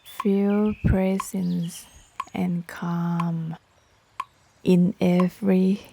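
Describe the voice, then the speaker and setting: A woman leading a guided meditation in short, sparse phrases with long pauses, her voice soft, breathy and partly whispery. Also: lowish voice, level tone, a little hiss or hum. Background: metronome clicks.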